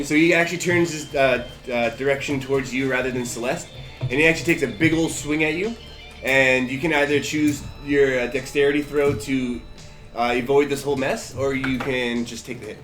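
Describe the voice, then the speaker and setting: A man's voice: mid-range voice, normal speed, fairly bright tone. A young man narrating as dungeon master, rambling with lots of fillers and restarts. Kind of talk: narrating a tabletop game. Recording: echoey room with faint music.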